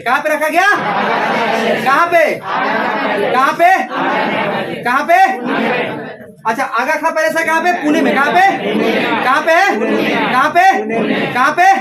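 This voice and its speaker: Brief: male coaching-class teacher, very high voice, quizzing students over loud chatter. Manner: repeats questions and calls out for the class to answer back; scolds students for making noise. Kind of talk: classroom lecture with call-and-response drilling. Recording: distant mic, noisy class chatter.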